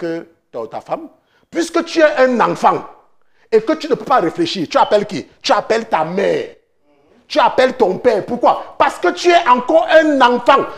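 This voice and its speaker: Pastor guy preaching, voice up high and swinging all over, keeps repeating himself. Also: gravelly. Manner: preaching with emphatic repetitions, acts out a phone call. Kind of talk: sermon. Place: church or online study.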